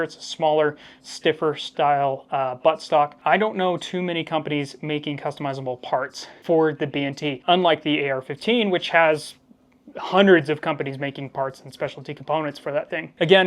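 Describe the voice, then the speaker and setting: A man reviewing a product casually for viewers, explaining its drawbacks in a critical but measured, conversational way. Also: a little high. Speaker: firearm reviewer, host.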